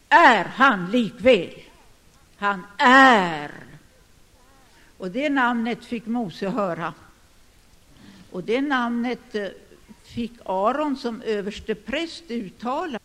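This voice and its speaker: An older man preaching a sermon, speaking emphatically and rising to sudden loud declarations. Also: extremely high pitch. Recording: long hall reverb.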